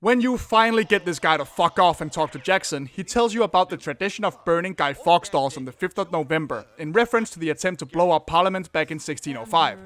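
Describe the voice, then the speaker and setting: A man hosting a comedic retro game review, cracking jokes and breaking into exaggerated mock panic. His voice is high and bright, and his delivery stays energetic throughout. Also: fast talker, hardly any pauses. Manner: jokey, with exaggerated outbursts.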